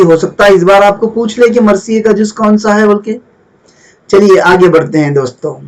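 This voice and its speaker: High-voiced man teaching an exam lesson. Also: low-quality recording. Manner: explains at length, repeats key points.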